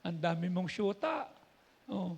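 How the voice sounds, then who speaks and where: A man's voice: high voice, sing-song, unhurried, vocal fry, husky. A man with a Filipino accent preaching a sermon as a pastor, telling stories in a conversational way and switching between languages. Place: church.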